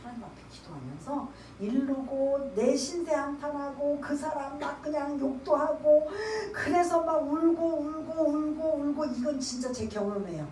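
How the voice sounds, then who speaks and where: A woman's voice: sits high, expressive, normal speed, hardly any pauses, mellow, slight background noise. A woman pastor gives a conversational sermon. She asks the congregation questions and acts out her own tearful prayers. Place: church sanctuary. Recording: echoey church, from far off.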